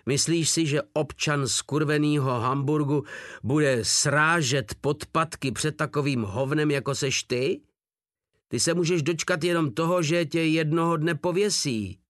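Male reader as a brash, cursing soldier; raised and loud. Audiobook. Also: a little high, dry recording, studio quality, pitched above the performer's own voice, close to an everyday voice. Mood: angry scorn. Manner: swearing, brash shouting. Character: coarse brawny soldier, loud, foul-mouthed.

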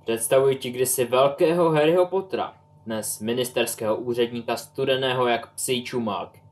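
A man's voice: mid-range voice, natural voice. A man playing a pleading old wizard, bitter, storybook reading. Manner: insistent, pleading.

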